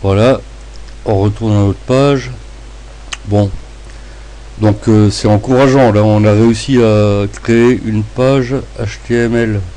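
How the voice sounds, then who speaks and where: Slow-spoken man with a slushy lisp. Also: on the low side, steady tone, mellow. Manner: halting, in short hesitant phrases. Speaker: tutorial presenter. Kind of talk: step-by-step screencast narration.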